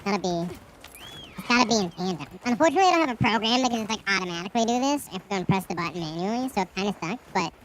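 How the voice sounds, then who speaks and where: A man voicing a talking piñata through a pitch-raising voice changer, joking playfully. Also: lively intonation, racing, a bit bright, a little hiss or hum, poor audio. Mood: silly. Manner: playful, joking self-aware banter.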